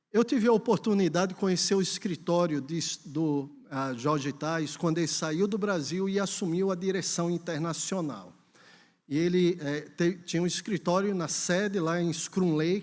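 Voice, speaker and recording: A man's voice: on the high side, a little mellow. A Brazilian man preaching a sermon at a church conference, telling a story and then urging the congregation on with emphasis. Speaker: pastor. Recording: long hall reverb.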